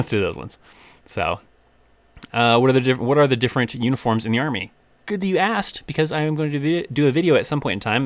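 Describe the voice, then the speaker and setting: A man's voice: on the low side, no echo. A young man hosting a casual live-stream Q&A, reading viewer questions aloud and rambling through answers with easy laughs.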